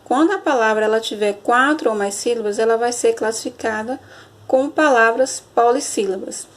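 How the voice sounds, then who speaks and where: Woman, teacher, patient explaining, slightly high voice. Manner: explanatory, checks understanding with frequent "certo?"; stretches and stresses example words slowly. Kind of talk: recorded grammar lesson.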